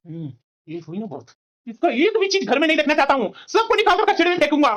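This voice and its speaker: A woman voicing an angry young husband in a cartoon story, harsh and accusing, talking fast in a high voice. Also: huge pitch swings. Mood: bitter. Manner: shouting, scornful.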